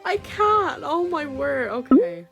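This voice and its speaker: A woman's voice: sits high, very animated, slow pace, creaky, over loud music. A woman reacting to a story game as she plays, emotional and hesitant, with many fillers. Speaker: game player. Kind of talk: reacting while playing.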